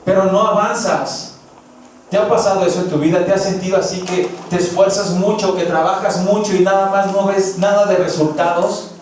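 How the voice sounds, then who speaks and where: A man's voice: high voice, steady tone, normal speed, distant mic. A man preaching a verse-by-verse sermon, emphatic and asking the congregation questions. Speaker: pastor. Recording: roomy echo, voice from afar, faint noise.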